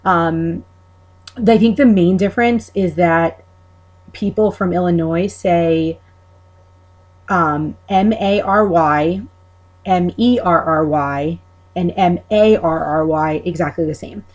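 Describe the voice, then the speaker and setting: A woman's voice: fairly low pitch, takes it slowly, a little mellow. A woman with a Long Island accent, talking casually and hesitantly as she explains things in a rambling, informal way. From Long Island, New York, USA. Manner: informal, hesitant, thinking aloud. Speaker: video maker explaining her accent.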